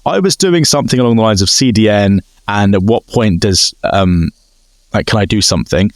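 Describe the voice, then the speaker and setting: A man's voice: fairly low pitch, normal speed, no room sound. A man co-hosting a podcast, telling stories in a casual chat and acting out both sides of conversations. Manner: animated storytelling, acts out exchanges. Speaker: podcast co-host.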